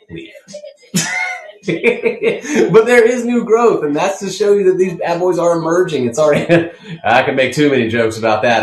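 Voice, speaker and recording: A man hosting a casual live sales stream of plants, chatty and playful, laughing often and jumping up high when excited. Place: indoor room with plants. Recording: echoey room.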